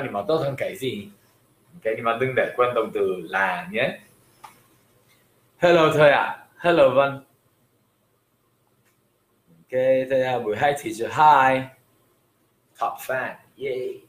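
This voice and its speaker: A man teaching a livestream lesson, talking slowly and hesitantly with many fillers, switching between Vietnamese and English. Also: medium pitch, fairly bright tone. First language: French. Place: livestream room. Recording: roomy livestream sound.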